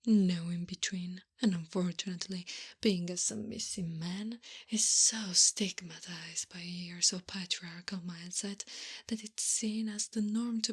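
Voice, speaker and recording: In a hushed ASMR roleplay, an Italian woman plays a wife who dotes on, teases, and bosses her husband like a mother would, coaxing him with pet names and softly scolding him. Her voice is mid-range with a breathy edge.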